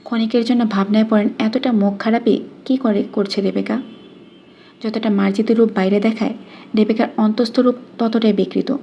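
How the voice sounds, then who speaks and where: A woman's voice: on the high side, steady tone, normal speed, creaky, highs cut off, a little hiss or hum. A woman narrating a dramatic audiobook, reading every character's lines herself with little change of voice.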